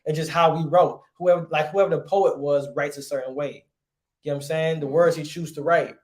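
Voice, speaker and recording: A man's voice: fairly high pitch, steady tone, brisk. A man teaching a casual classroom lesson in a conversational way, often asking rhetorical questions. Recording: roomy echo.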